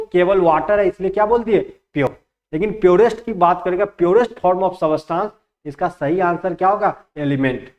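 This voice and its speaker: High-voiced Hindi chemistry teacher, lo-fi. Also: male voice, darkish tone. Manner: asks questions and answers them himself; mixes Hindi and English terms. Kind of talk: classroom lecture.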